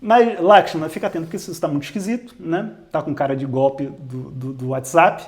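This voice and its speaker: A man with a Brazilian accent voicing a calm prince who gives a casual warning. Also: on the high side, a little fast, natural voice. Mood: cautious. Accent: Brazilian Portuguese. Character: divine prince, calm and cautious.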